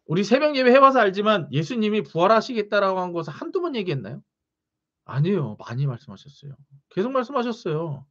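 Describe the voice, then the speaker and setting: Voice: mid-range voice, quick pace, highs cut off. A pastor preaching a sermon, often asking the congregation questions. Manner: animated, asks the congregation questions.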